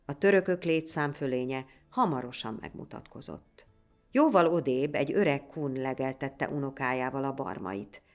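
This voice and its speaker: A woman reads a folk tale aloud with lively, dramatic delivery. Her voice sits low. Soft music plays faintly under her. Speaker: storyteller. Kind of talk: storybook narration.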